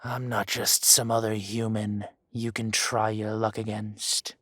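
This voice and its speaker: In this roleplay audio drama, a man voices a menacing dragon masquerading as a mafia boss, his lowish, husky voice unhurried and purring. Each threat drips with mocking calm and cold menace, delivered slowly. The recording is dry and close, with no room sound.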